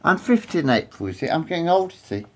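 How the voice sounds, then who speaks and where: An English vlogger in his late forties talks fast to the camera, his slightly high, fairly bright voice swinging widely in pitch. He rambles, repeats himself, swears a lot and drifts off topic.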